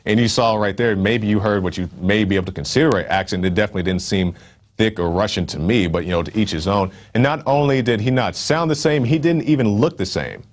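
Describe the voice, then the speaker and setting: A man with a very low voice hosts his own news commentary show. He talks emphatically and loosely, with casual asides and frequent "uh"s between his points. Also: fast talker. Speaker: online show host.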